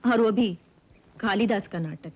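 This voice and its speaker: A woman's voice: mid-range voice, measured pace, darkish tone, natural voice. An actress playing a proud, stubborn young woman in a 1970s Hindi film, who talks curtly. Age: young adult. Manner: curt and refusing, then tearful. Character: proud stubborn young woman who later weeps over lost love. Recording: dull old film soundtrack with music.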